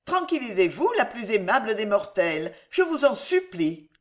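A woman voicing an excitable, fawning young gentleman who pleads theatrically. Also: mid-range voice, moderate pace, lightly acted. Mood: pleading.

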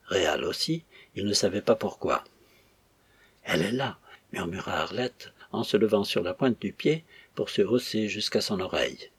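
Husky male audiobook narrator. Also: fairly low pitch, animated, normal speed, hardly any pauses.

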